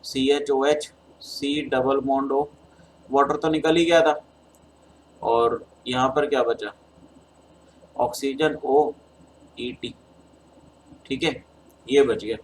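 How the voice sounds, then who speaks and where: This chemistry teacher has a Hindi accent and a sore throat, and he works step by step through an exam paper, calling his students beta. His medium-pitched voice keeps fairly even intonation at a slow pace with long pauses. The audio is poor, with a little hiss or hum.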